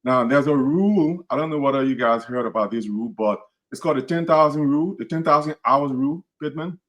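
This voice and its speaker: A Liberian man with a Liberian accent hosts a podcast, his medium-pitched voice brisk. He sounds earnest and casual, repeating words and restarting phrases as he goes.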